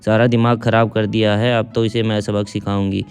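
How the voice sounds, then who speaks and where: A man's voice: on the low side, level tone, brisk, clear, resonant tone, natural voice. A man voicing a lazy, scheming young daughter-in-law who resents her mother-in-law. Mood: resentful. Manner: sulky, resentful.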